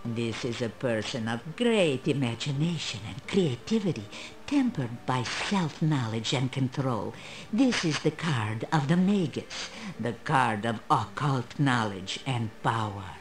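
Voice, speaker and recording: Old female fortune teller, video game character, slow solemn delivery, sweeping intonation, mysterious, proud. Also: extremely low pitch, big pitch swings, exaggerated voice, low-quality recording.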